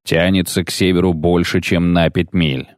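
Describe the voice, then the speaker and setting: A man reading aloud, voicing a cold, calm male bounty hunter who gives curt, measured commands. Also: sits low, no echo, clean studio sound, natural voice.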